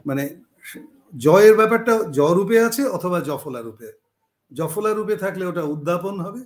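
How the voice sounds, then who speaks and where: A man giving a spoken lecture on spelling and word roots, explaining slowly with frequent pauses and self-corrections. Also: high-pitched, lively intonation. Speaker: teacher.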